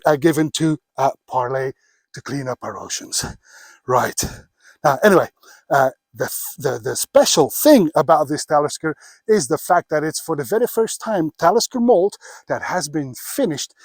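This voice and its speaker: A man in his fifties from Belgium, a whisky blogger, talking casually through a tasting on a mountaintop, a little out of breath and filling pauses with "uh". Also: on the high side, darkish tone, dry recording. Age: 50s. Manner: chatty, many filler "uh"s. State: slightly out of breath. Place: outdoors on a mountaintop.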